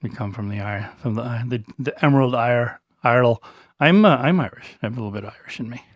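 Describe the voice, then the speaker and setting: A man co-hosting a casual podcast, joking and rambling with restarts, a little hoarse. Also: medium pitch, fast, no echo, highs cut off. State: clearing throat, losing his voice. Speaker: podcast co-host. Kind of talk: casual chat.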